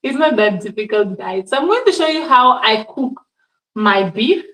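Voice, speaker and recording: In her echoey home kitchen, a woman gives a relaxed cooking demo, addressing viewers as guys. Her voice is a little high, a bit bright and animated, at normal speed, picked up off-mic from a distance.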